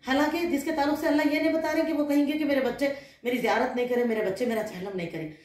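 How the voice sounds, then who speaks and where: Lady scholar preaching to women, kinda high voice, echoey room, keeps asking the audience stuff. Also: fairly even intonation, rapid-fire, a little mellow. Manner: earnest, rhetorical questions to listeners. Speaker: religious scholar. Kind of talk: sermon to women. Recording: roomy echo.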